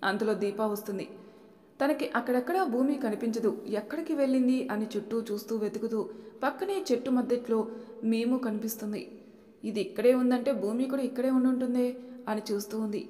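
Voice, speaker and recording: A woman narrating an audiobook story in a plain, steady storytelling manner. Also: fairly high pitch, fairly quick. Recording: echoey room with long reverb.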